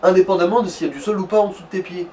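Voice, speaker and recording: Advising the player in a let's play, a man gives casual gaming explanations, piecing them together hesitantly as he goes. His voice is high, steady and mellow, and he talks rapid-fire. The mic is distant, with faint background noise.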